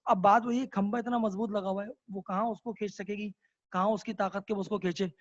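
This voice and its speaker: A man's voice: high voice, level tone, dry recording. Male teacher, online class, explanatory and checks in often, dry and somewhat lo-fi call audio. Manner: explanatory, keeps checking with students; mixes English words into speech.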